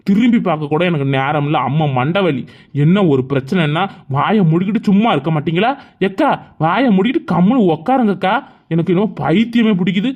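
A man voicing an exasperated traveller who grumbles and orders quarrelling women to be quiet in a cartoon. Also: high-pitched. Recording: thin phone-like recording.

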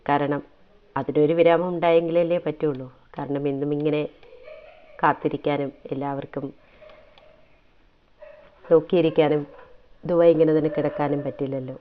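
A man's voice: fairly high pitch, level tone, moderate pace, pauses often, slight background noise. Man narrating a story over tinny audio. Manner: emotive, reflective narration.

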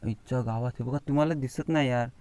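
A chatty, excitable Konkan man vlogs a casual outdoor demonstration on his phone camera, speaking quickly at medium pitch in a Konkani Marathi accent. The recording is rough but echo-free, and he mildly swears at the scorpion.

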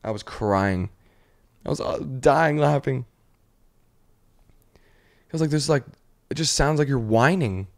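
A man hosting a casual comedy podcast. He tells stories with animated energy in a mid-pitched voice. He fills his talk with "like" and "literally" and breaks into laughter. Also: a little slow, vocal fry, pauses often. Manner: animated storytelling, heavy use of "like" and "literally", laughing often. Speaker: podcast host.

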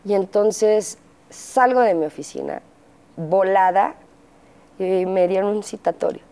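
Mellow-voiced Mexican woman recounting, halting. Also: mid-range voice, clear, resonant tone. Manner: halting, frequent fillers, acts out quotes. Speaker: interview guest, mother. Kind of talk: candid interview testimony.

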